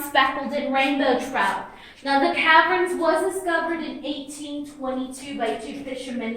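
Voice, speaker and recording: A woman's voice: high-pitched, sharp tone. A woman leading a cave tour, explaining the formations and directing her group, her voice echoing through the cavern. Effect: cave echo. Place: inside a limestone cavern. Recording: echoey cave, voice from far off.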